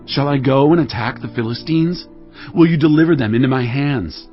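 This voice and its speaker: A man's voice: medium pitch, moderate pace, close to an everyday voice. An actor playing a fervent warrior king in his thirties, earnest and declaiming, in a dramatized audio Bible. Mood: earnest pleading. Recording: dull, lo-fi audio. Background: faint music.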